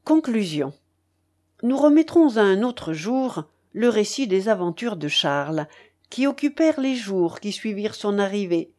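A woman narrating a classic novel in a measured, steady audiobook voice. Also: medium pitch.

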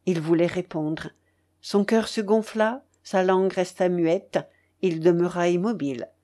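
A woman narrating a classic novel in a measured, steady audiobook voice. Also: lowish voice.

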